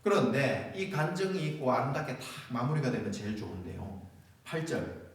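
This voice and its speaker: A middle-aged man preaching a sermon as pastor, telling stories in an animated way and acting out scenes with chuckles. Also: medium pitch, moderate pace. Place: church sanctuary. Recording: echoey church hall, voice from far off.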